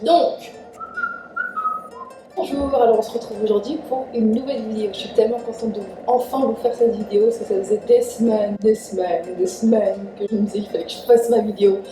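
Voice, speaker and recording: A young Iranian-born woman vlogs casually, offering chatty, earnest relationship advice and saying "en fait" often. Her fairly high voice stays steady and a little fast, recorded by a distant mic in an echoey room with faint music.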